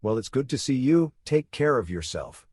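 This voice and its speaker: A man's voice: mid-range voice, sing-song, moderate pace, darkish tone, slightly rough, dry recording, clean studio sound. A man voicing a friendly, teasing male knight in armor, in an audio novel.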